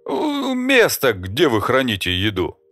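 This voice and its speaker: A man's voice: medium pitch, wildly swooping pitch, measured pace, fairly bright tone, no echo, voice pushed up. A man reading an audiobook, voicing a brash, greedy, rude alien trader who keeps drawling "eh". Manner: drawling, interjecting "eh", cheeky. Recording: dry close mic, faint music.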